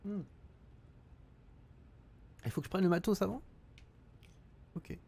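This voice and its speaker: Middle-aged man, game streamer, mellow voice, hesitant thinking aloud, chatty. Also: high voice, slow pace, gravelly, husky. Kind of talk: live gameplay commentary reading chat.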